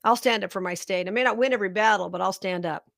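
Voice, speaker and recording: A woman's voice: mid-range voice, quick pace, gravelly, a bit bright, dry recording, studio quality. A middle-aged woman hosting a live political commentary show, talking straight to her viewers with indignant, sarcastic outrage.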